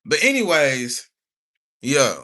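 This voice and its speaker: A man's voice: on the high side, sing-song, slow, bright, forceful tone. A young man from the United States, talking casually on a livestream. He rambles in slang and sometimes reads stiffly from notes.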